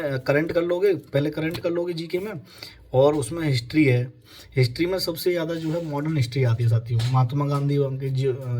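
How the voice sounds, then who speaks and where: A man's voice: fairly high pitch, darkish tone. A young man speaks off the cuff about how to prepare for an exam, in a slightly raised voice. His talk is loose and repetitive, full of fillers, and he keeps addressing listeners as his companions. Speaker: exam prep advisor. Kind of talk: casual spoken advice to exam aspirants.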